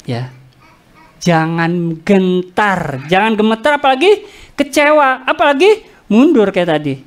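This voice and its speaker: Animated woman preaching a sermon. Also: mid-range voice, measured pace. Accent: Indonesian, with East Javanese slang. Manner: animated, jokey, addresses the congregation directly; acts out congregants' complaints and God's words in quoted voices. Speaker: pastor. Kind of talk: lively church sermon. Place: church.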